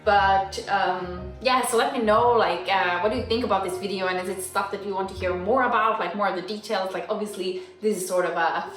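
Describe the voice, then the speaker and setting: Speaking briskly with hardly any pauses, she keeps a steady tone in her mid-range voice. The vlogger, from Finland with Swedish as her first language, chats through a casual Q&A indoors at her apartment, with many fillers and soft restarts. The recording is echoey and distant, with background music.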